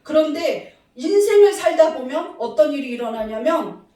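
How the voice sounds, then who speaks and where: A woman's voice: sits high, lively intonation, normal speed, mellow. Woman preaching in an echoey church. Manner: asks the congregation questions and leads them in reading aloud. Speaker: pastor. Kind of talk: sermon with call-and-response. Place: church sanctuary. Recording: very echoey hall, voice from a distance.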